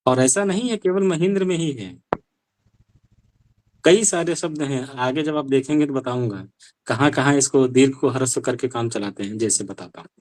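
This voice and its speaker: A man's voice: mid-range voice, normal speed, no room sound. A male Sanskrit teacher giving an online language class, explaining step by step and asking rhetorical questions.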